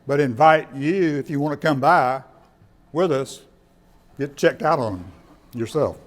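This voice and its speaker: A man presents radio kits to a club gathering in a meeting room, talking in a loose, conversational way and frequently repeating himself as audience members ask questions. His pitch is medium and his delivery a little slow.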